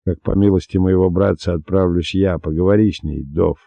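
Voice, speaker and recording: A man voicing a condemned male prisoner who yells urgently across the cells, on a dull, dry recording. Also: low-pitched, steady tone, fairly quick, vocal fry, no room sound. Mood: urging. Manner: yelling, urgent.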